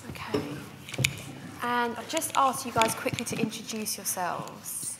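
A woman's voice: fairly high pitch, a little slow, heavy background noise. A woman hosting a student panel on stage in a large lecture hall, friendly and full of ums. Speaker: event host. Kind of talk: hosting a panel at a welcome talk. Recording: hall reverb with audience ambience.

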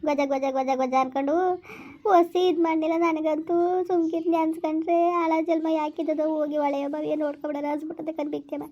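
A sorrowful village woman, played by a woman in a rural family drama, lamenting her loss and scolding and soothing her relatives in turn. Her voice sits high and the words tumble out quickly. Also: flat delivery, warm tone, lo-fi sound, lightly acted.

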